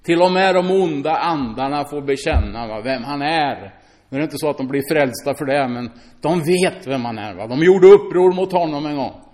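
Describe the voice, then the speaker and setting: A man preaching a sermon, reading scripture aloud and commenting on it in a chatty way, often asking his listeners "va?". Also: a little high. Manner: lively, swings from loud exclamations to hushed asides.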